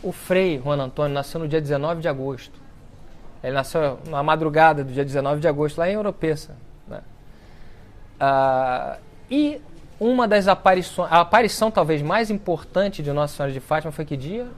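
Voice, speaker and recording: At a book launch talk, a man tells an audience a story in an animated way, acting out the quoted speech. His voice is on the high side and his pace moderate.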